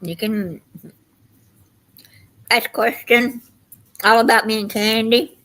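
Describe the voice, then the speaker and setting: A woman's voice: fairly high pitch, steady tone, slow, fairly bright tone, poor audio. An older woman with a Southern US accent, chatting casually to livestream viewers in a folksy, meandering storytelling way. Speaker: livestream host.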